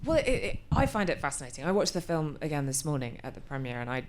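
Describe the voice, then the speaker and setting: A woman's voice: low-pitched, very animated, fast talker, slight background noise. A woman in her forties being interviewed about her acting work, thoughtful and often restarting as she searches for words. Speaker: actor, interview guest. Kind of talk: conversational interview.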